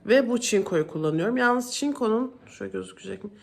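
In her home kitchen, a woman with a mid-range, creaky voice talks fast and animatedly for a casual vlog, chatty and often exasperated as she complains. She sounds distant in an echoey room, with faint noise.

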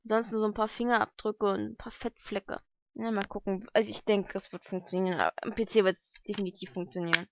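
Talking fast in a mid-range voice with fairly even intonation, a young woman gives informal commentary while opening books she ordered by mail. She thinks aloud in a casual way from a lived-in room indoors, captured on a dull, lo-fi home recording.

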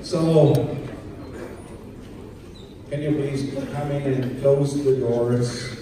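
A man introduces a speaker at a conference, talking slowly and stopping often on uh. He is picked up from a distance in a large hall full of echo, with clear room noise behind him. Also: mid-range voice, steady tone. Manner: halting, with many uh fillers. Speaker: conference moderator. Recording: echoey hall from far off.

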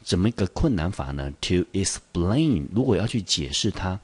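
A man with a Taiwanese Mandarin accent teaches English vocabulary in a very low, husky voice. He breaks the word down patiently, stopping often to ask his students questions. He speaks like a school teacher recording a video lesson. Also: very animated, moderate pace, darkish tone. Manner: explains step by step, asks the class questions.

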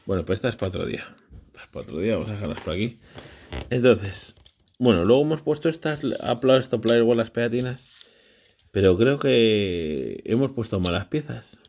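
A man's voice: fairly low pitch, lively intonation, a little fast, creaky, a little mellow, a little hiss or hum. A man, casually vlogging a brick build with his child, chatty and often unsure as he corrects himself.

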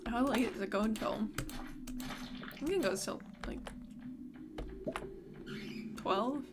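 A woman's voice: fairly high pitch, slow pace, background noise. A young woman streaming a video game, chatting casually and talking to the characters on screen. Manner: relaxed, chatty, talks to the game. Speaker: gaming streamer. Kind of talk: casual gameplay chat. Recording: music playing behind the voice. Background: game music and keyboard typing.

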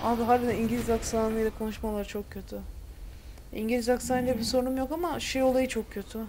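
A woman's voice: fairly high pitch, fairly even intonation, fast talker, noisy background. A young woman chatting casually while playing a game, playful and giggly, tossing in English exclamations. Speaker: gamer. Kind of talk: casual gameplay chat.

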